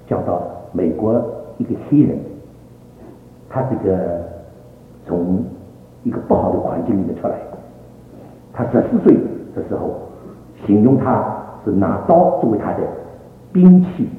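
Animated preacher man in an echoey hall. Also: on the low side. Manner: animated, emphatic storytelling with rising outbursts. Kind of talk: sermon with personal testimony. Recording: tinny, echoey hall recording.

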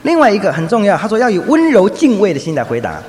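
Animated man preaching in an echoey hall. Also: sits high, fast talker. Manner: lively anecdotal, acts out quoted voices. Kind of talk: sermon with storytelling. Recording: echoey hall, faint ambient noise.

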